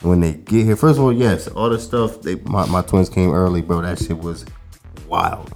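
Faint music plays behind a low, gravelly, slightly mellow male voice at normal speed. He's a podcast co-host in his thirties, spinning a long, laid-back, rambling story in a casual storytelling chat, full of fillers and swearing.

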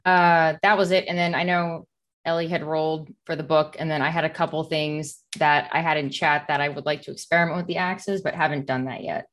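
A woman player in a casual tabletop game session lays out what her character will do next. She speaks matter-of-factly in a fairly low voice. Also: steady tone, a little fast, fairly bright tone.

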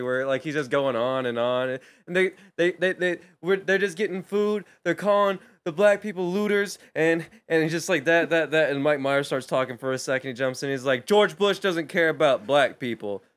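Brief: male podcast co-host, slightly high voice, animated anecdotes. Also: fairly quick, hardly any pauses. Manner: animated storyteller, laughs often. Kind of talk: casual chat.

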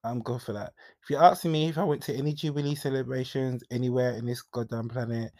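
A young man hosts a podcast on his own, speaking in a frank, confiding way with sudden bursts of emphasis. His voice sits at an ordinary male pitch. The sound is dry and close, with no room echo. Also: steady tone, fast talker, darkish tone. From Jamaica. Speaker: podcast host. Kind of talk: candid solo podcast monologue.

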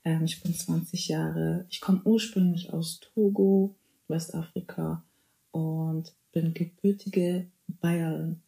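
A woman's voice: sits low, level tone, slow pace, gravelly, dark tone, roomy sound. A woman in her twenties hosting a casual solo podcast, chatty and playful, mixing German with English phrases and dropping in amens. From Germany (Bavaria). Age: 20s. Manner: praise interjections like amen and hallelujah. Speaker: podcast host.

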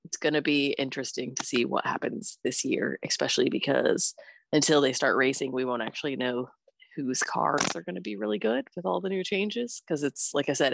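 A young woman co-hosting a podcast in casual chat, her voice rough from being sick, chatty and laughing often. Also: extremely low pitch, a little fast, no echo. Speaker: podcast co-host.

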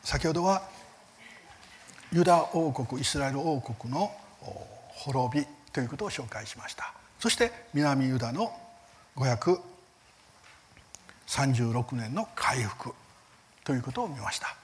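A man's voice: unhurried, long pauses. A man giving a Bible seminar lecture, earnest and emphatic, with rhetorical questions and line ends that fade to a near whisper. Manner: lively rises in pitch on key words, soft fading line ends. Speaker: Bible teacher.

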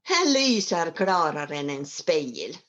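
A woman voicing a clever young daughter who answers with bright confidence. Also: low-pitched, big pitch swings. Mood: sure, earnest.

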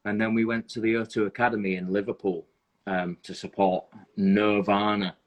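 A man's voice: on the low side, flat delivery, normal speed, highs cut off. A man from a band talking through old gigs in a casual chat, steadily leading the story. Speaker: band member and co-host.

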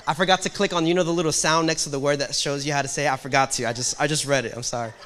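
A young man preaching a sermon as pastor, moving between hushed storytelling and loud, rising exhortation. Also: a little high, fairly even intonation, very fast. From Puerto Rico. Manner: dynamic preaching with big swings from hushed to loud.

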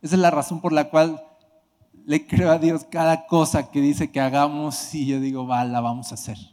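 Male preacher, high pitch, animated testimony with shouts, reverberant church hall. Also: normal speed. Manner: emotional, animated storytelling with shouted outbursts. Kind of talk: sermon testimony.

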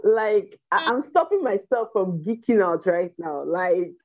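A woman's voice: mid-range voice, big pitch swings, measured pace. A woman chatting casually and eagerly as a panelist in a discussion. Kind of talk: casual chat. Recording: tinny phone-like online call.

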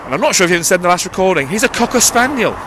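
A man's voice: sits high, big pitch swings, racing. A man talking through a rambling audio diary while walking by a busy road, holding a cupped handheld mic, out of breath as he goes uphill. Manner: rambling, self-correcting. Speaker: vlogger. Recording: outdoor street recording with traffic. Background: passing traffic.

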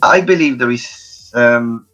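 A man's voice: mid-range voice, slow pace, fairly bright tone, muffled recording, soft background music. A man with a strong Italian accent, a guest on a podcast panel, talking with many fillers and restarts. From Italy. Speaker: guest, PR agency founder.

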